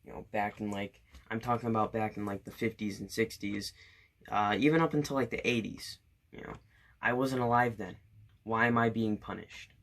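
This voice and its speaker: A man's voice: fairly low pitch, fairly even intonation, moderate pace, a bit bright. A young man in his late teens, a student venting his opinions to camera in an indignant, sarcastic rant full of fillers and restarts. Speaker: student vlogger.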